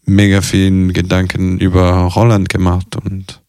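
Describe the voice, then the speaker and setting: A young man, half Italian, talking openly as an interviewee with many pauses, fillers and restarts. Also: low-pitched, monotone, a little mellow, no echo, clean studio sound. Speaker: interviewee, circus artist and carer. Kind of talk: casual personal interview.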